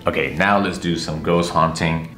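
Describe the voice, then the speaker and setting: A man's voice: extremely low pitch, steady tone, normal speed, noisy background. A young man vlogging casually from a hotel room and its hallways, chatty and half-joking with a nervous edge, filmed on a camera held at arm's length. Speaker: travel vlogger. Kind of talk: casual vlog narration. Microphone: handheld camera held at arm's length. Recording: echoey room with faint ambience.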